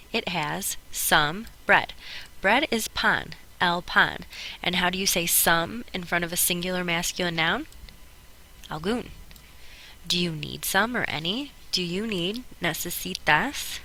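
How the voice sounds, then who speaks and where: A woman teacher walking students through Spanish grammar exercises step by step, patiently slowing down to sound out the example words. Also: fairly low pitch, pushed and bright, a little hiss or hum, rough recording. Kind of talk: classroom lesson explaining grammar.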